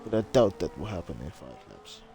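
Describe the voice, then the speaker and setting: A man's voice: deep voice, very animated, fairly quick, dark tone, a little hiss or hum. Casual man calling a sim race. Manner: casual, chatty, answers viewer chat. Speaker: race commentator. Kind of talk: live sim racing commentary.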